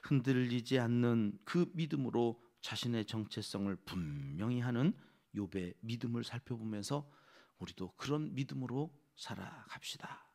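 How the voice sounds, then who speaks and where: A male pastor preaches an early-morning sermon in a church. He is lively and keeps putting questions to the congregation. His voice has a gravelly, creaky edge at an ordinary middle pitch. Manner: animated, asks the congregation questions.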